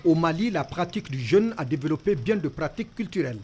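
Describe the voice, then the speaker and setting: A man's voice: a little high, animated, fast talker, heavy background noise. A man reading a formal, scripted documentary narration as a reporter. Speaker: reporter narrating a cultural feature. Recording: music behind the voice.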